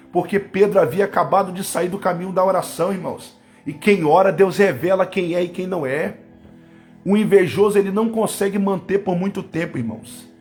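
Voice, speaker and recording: Brief: Brazilian male preacher on a live stream, high pitched, fervent, soft music underneath. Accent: Brazilian Portuguese. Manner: fervent, swinging between loud bursts and low asides, speaking in tongues. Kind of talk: live-streamed Pentecostal sermon. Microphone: webcam or phone on a live stream.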